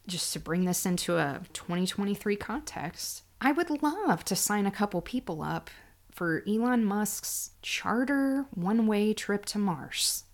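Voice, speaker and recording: A woman's voice: mid-range voice, animated, unhurried. A middle-aged woman hosting her own podcast, talking candidly and sarcastically in a solo monologue. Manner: candid, sarcastic, emphatic storytelling. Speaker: podcast host.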